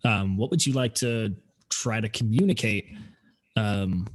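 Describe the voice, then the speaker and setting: A man's voice: fairly low pitch, unhurried. A man acting as game master, narrating a tabletop role-playing game and prompting the players.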